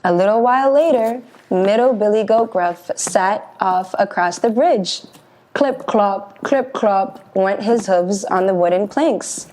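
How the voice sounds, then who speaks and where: A woman teacher reading a children's story aloud with expressive storytelling. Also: medium pitch, slow.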